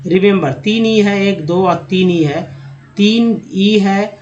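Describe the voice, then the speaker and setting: A man's voice: high-pitched, takes it slowly, a little mellow, muffled recording. A man teaching English pronunciation from slides, spelling out letters one by one and stopping to ask the viewer questions. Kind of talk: slide-based pronunciation lesson.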